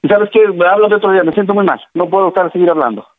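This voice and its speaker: A man's voice: high-pitched, racing, no room sound. A middle-aged man, a distraught father scolding and repeating himself over a phone line. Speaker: prank call target, father.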